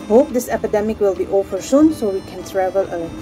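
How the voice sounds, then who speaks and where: A woman's voice: medium pitch, animated, brisk, music in the background. A young woman, not a native Indonesian speaker, giving a personal testimonial as a foreigner speaking Indonesian and mixing in English. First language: not Indonesian; Dutch and Javanese speaker. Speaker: former language student.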